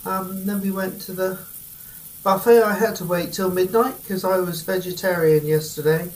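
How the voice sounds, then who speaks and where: A man's voice: sits high, fairly even intonation, normal speed. A middle-aged man vlogging on a cruise ship, chatting with humor to a handheld camera in the dining room and bar. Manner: jokey, chuckling, talking straight to camera. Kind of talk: casual vlog chat. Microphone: handheld camera at arm's length.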